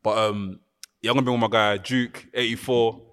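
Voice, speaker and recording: A man's voice: lowish voice, fairly even intonation, brisk, fairly bright tone, long reverb tail. A man with a London roadman accent and heavy street slang, casually hosting and hyping up guests on a podcast. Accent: London, urban street slang. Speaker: podcast host. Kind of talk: casual hype introductions of guests.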